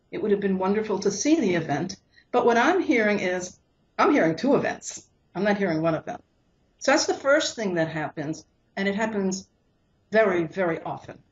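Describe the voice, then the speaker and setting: A woman counselor calmly explaining couples' conflicts in an interview, sometimes acting out what partners say. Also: medium pitch, lo-fi sound. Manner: acts out quoted couples in lively voices. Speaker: relationship counselor.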